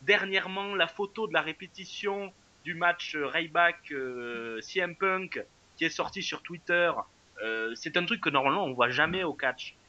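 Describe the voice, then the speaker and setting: A man's voice: a little high, moderate pace, sharp tone, dull audio. A man co-hosting a wrestling show in casual podcast chat, hesitant, with many fillers and restarts.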